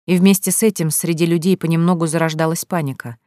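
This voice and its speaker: An audiobook narrator reading scripted narration in a steady, even storytelling manner. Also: mid-range voice, fast talker, dry recording, clean studio sound.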